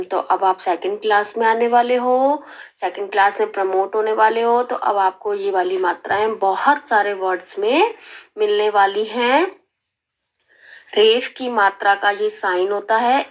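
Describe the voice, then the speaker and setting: Lady teaching little kids, slow and patient, stretches out syllables and keeps checking they follow. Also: mid-range voice. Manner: drawn-out syllables, frequent rising "theek hai" checks. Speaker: primary school teacher. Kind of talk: slow, clear class lesson for young children.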